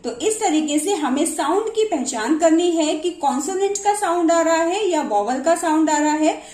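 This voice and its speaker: Her voice is very high and a little mellow, animated and at a moderate pace, as she slowly explains English pronunciation in a blend of Hindi and English. She poses questions and answers them herself in an echoey room.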